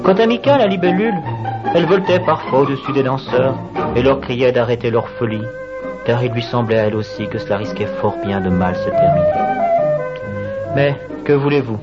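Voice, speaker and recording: A man narrating a moralizing children's story with dramatic, drawn-out emphasis. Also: mid-range voice. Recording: dull lo-fi audio with guitar music.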